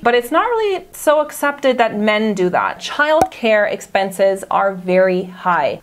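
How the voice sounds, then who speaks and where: A woman talks straight to camera in a relaxed vlog monologue, chatty and full of little fillers. Her pitch sits in the middle for a woman, and she airs mild gripes in an easy tone. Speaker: vlogger in the reacted video.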